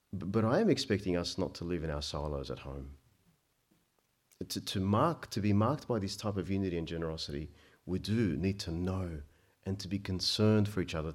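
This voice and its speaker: Preaching a sermon, a man born in Egypt speaks forcefully, his voice rising to loud peaks before falling low. Stammers frequently push him into restarts.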